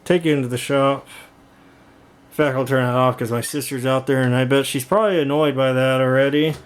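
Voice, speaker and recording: This host's medium-pitched voice stays steady and brisk as he gives a loose, casual walkthrough of home rooms and a workshop. He rambles, speaking in stop-and-start phrases. Clicks and obvious room noise run through the recording.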